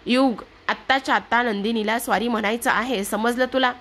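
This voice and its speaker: A woman's voice: fairly high pitch, steady tone, normal speed, fairly bright tone, pitched above the performer's own voice. A woman reading out the lines of a stern, protective elder brother who scolds and gives orders, in a TV serial recap.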